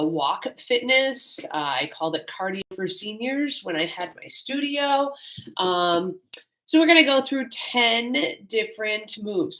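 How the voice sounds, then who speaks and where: A female fitness instructor introduces her class in a chatty, friendly, rambling way, full of ums and uhs, sounding slightly congested. Her mid-range voice is bright and ringing, captured on a camera mic in a home exercise space.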